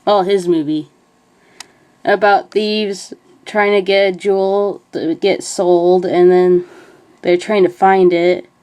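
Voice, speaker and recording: Her voice fairly low, clear, and resonant with a darkish tone, a young woman speaks slowly with fairly even intonation as she rambles casually through movie scenes. She meanders a lot and fills her talk with "like."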